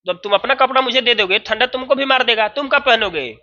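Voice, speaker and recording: A man's voice: very high-pitched, fast, pushed and bright, dull audio, full character voice. A man with a Bihari Hindi accent voicing a sick, feverish young male soldier who speaks weakly.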